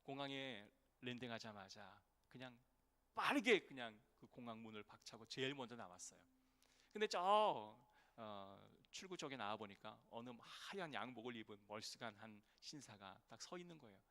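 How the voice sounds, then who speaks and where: Pastor guy giving a sermon, mid-pitched, earnest, loud swells then quiet drops, long church echo. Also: sing-song, moderate pace. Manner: earnest, storytelling with emphatic swells and hushed drops. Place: church sanctuary.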